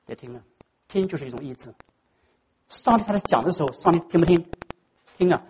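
A pastor preaching a sermon in a dramatic way, swinging between hushed and loud and dropping English words into the speech. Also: medium pitch, expressive, fairly quick, slightly rough, low-quality recording.

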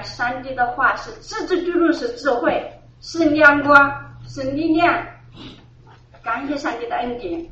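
A woman's voice: high-pitched, a bit bright, slight background noise. A middle-aged woman giving an earnest personal testimony at a church gathering, repeating phrases and laughing now and then as she tells it. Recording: echoey, distant, dull room recording.

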